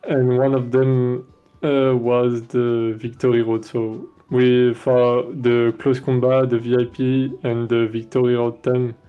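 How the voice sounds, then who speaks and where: A French-accented game developer chats casually on a dev stream, his mid-range voice slow and smooth with little pitch movement. He hesitates often, with many fillers and restarts, and the audio sounds narrow and tinny.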